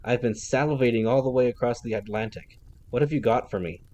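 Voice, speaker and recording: A man voicing a brash, flashy middle-aged businessman who talks loudly and boisterously, for an audiobook reading. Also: mid-range voice, a little fast, dull audio, a little hiss or hum, close to an everyday voice. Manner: loud, boisterous greetings.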